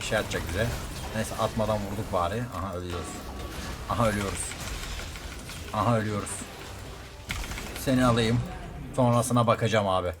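A young man streaming a game, reacting live in quick excitable outbursts and often repeating words. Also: on the low side, a little hiss or hum. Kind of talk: live gameplay commentary.

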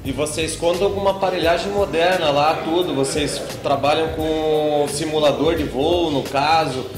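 A man's voice: on the high side, fairly even intonation, normal speed, reverberant, music in the background. A man from Brazil hosting an interview, asking informal questions with some hesitations.

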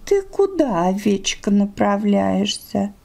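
A woman's voice: mid-range voice, sing-song, slow, vocal fry, mellow, exaggerated voice. A woman voicing a sly, chummy female fox in a storybook tale, gossipy and sing-song. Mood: sympathetic, gossipy. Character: sly, sympathetic female fox, chatty and friendly. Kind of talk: storybook character voice in an audio fairy tale.

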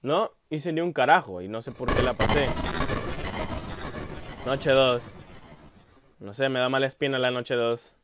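A young man giving let's-play commentary, rambling aloud with many fillers and bursting into loud yelps whenever something startles him. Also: medium pitch, unhurried, pauses often, background noise. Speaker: gameplay commentator.

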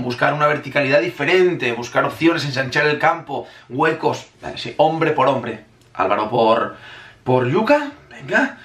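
A man's voice: medium pitch, a bit bright. A man giving a sarcastic football opinion rant, with heavy swearing. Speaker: football fan vlogger. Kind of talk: ranting match opinion. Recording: roomy echo.

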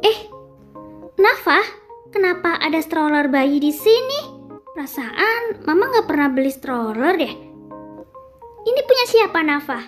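A woman's voice: very high voice, big pitch swings, unhurried, pauses often, soft background music, exaggerated voice. A woman voicing an emotional young mother in a game role-play story, prone to jealous, sobbing accusations. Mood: curious.

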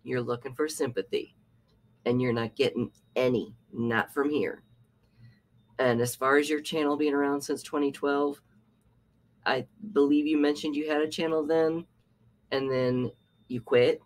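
A man's voice: mid-range voice, steady tone, a little slow, pauses often. A man hosting a reaction commentary, talking in a sarcastic, scolding way. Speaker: commentary channel host.

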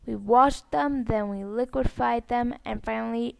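A woman presents a recipe in plain, step-by-step instructions. Her voice sits slightly high with a creaky edge, and she goes slowly. The sound is dry and close. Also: dry recording. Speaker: host of a cooking channel. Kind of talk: recipe narration.

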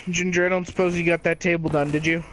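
A man's voice: a little high, level tone, quick pace. A man chatting casually as he plays an online game with others. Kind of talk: casual gaming chat. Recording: noisy game voice chat.

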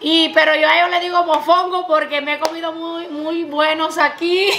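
Cuban woman, 30s, high bright voice, chatty kitchen vlog host. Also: level tone, moderate pace. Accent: Cuban Spanish. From Cuba. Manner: chatty and laughing, mixing in English words. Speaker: vlogger, channel co-host. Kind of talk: casual chat. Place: home kitchen, indoors.

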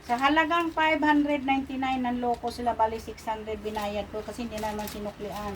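A Filipino woman with a high-pitched voice talks casually to her online viewers in an unboxing style. Her speech is that of someone missing front teeth. Some background noise sits behind her voice. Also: little pitch movement, fairly quick, low-quality recording. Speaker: online vlogger.

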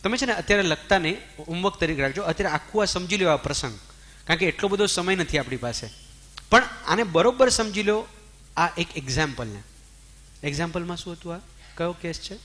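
A man giving a spiritual discourse, animated and questioning his listeners, mixing in English words. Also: high-pitched, a little fast. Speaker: spiritual teacher. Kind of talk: Jain discourse to an audience.

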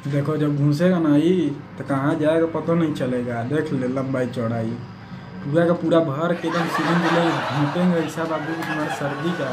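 A man's voice: on the high side, fairly even intonation, normal speed, crowd noise, noisy background. A man acting out a comic sketch as a doctor, teasing his patient with brash, coarse banter. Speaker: comedy sketch actor.

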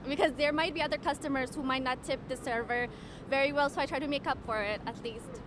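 Brief: young woman, from Ethiopia, fairly high voice, polite measured answers, noisy street behind. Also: fairly even intonation. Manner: measured and polite, occasional stammered restarts. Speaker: waitress, interviewee. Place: outdoors on a city street. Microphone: handheld microphone held by interviewer. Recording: street noise outdoors.

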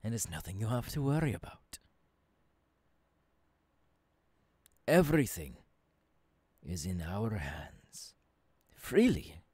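A man playing an earnest visionary professor mentoring an apprentice in an ASMR roleplay, halting and breathy, close to the microphone. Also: on the low side, very animated, darkish tone, no room sound, full character voice. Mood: reassuring, fervent. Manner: slow, deliberate, halting phrases dropping into whispers. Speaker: voice actor. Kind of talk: ASMR audio roleplay, intimate second-person monologue. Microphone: close microphone, dry.

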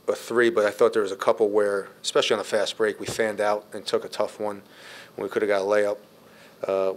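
A middle-aged man, a head coach, speaking at a press conference podium, halting and repeating words. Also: on the low side, a bit bright, slight background noise. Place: press room. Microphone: podium mic.

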